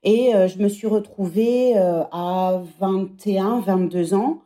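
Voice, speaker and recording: Mellow-voiced woman in her thirties, reflective. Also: medium pitch, takes it slowly. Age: 30s. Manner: reflective, thinking aloud. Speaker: podcast guest, former teacher. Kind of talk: conversational interview.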